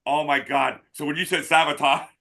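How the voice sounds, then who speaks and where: A man's voice: a little high, fairly even intonation, a little fast, gravelly, sharp tone. A man co-hosting a casual music debate, full of jokes and teasing. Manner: joking, teasing. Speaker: podcast co-host.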